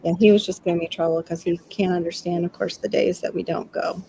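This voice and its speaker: Middle-aged lady chatting on a live stream, lowish voice, laughs a lot, bit of background hiss. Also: steady tone, quick pace, gravelly, warm tone, poor audio. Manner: chatty, laughing, acts out quotes. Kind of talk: casual livestream chat.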